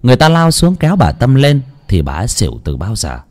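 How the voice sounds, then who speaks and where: A man narrating a ghost story with dramatic, lively storytelling. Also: medium pitch, brisk. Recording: music under the voice.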